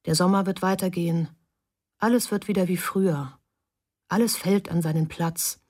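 A woman narrates a novel aloud in a calm, inward way. Her voice is husky and sits a little low. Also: normal speed. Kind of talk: audiobook narration.

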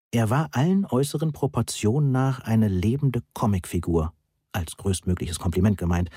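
A man narrating a first-person audiobook in a calm, even way. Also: lowish voice, slightly rough, no room sound, studio quality.

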